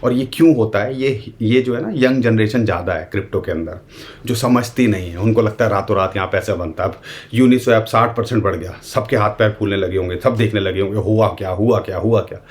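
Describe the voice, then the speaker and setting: The crypto market commentator, who has an Indian accent, speaks briskly in a lowish voice. He walks his audience through a conversational market analysis, talking straight to them in the royal "we."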